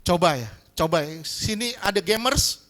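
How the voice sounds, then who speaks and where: A male pastor preaching a lively sermon, often asking the congregation whether they agree. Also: high-pitched, normal speed. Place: church hall.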